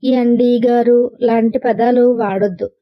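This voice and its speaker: A woman's voice: on the high side, steady tone, a little slow, lo-fi sound, close to an everyday voice. Cheeky young suitor, read by a woman. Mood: playful.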